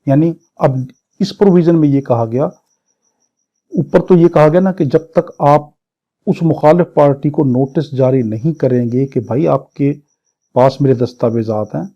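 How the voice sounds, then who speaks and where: Here a Pakistani-accented man teaches law for exam prep, reciting English statute wording and unpacking it piece by piece. His mid-range voice is unhurried, and his didactic style repeats and rephrases each point. The recording sounds muffled and dull.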